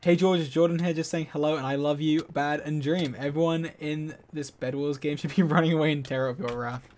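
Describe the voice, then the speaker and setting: A man chatting casually on a gaming stream, reading donations aloud and quick to laugh. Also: on the high side, fairly even intonation, a little mellow, slight background noise.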